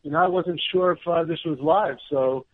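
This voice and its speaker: A man's voice: a little high, moderate pace, no room sound. A man calling in to a radio show over the phone, talking hesitantly with lots of fillers. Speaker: caller. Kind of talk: call-in radio chat. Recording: tinny phone line.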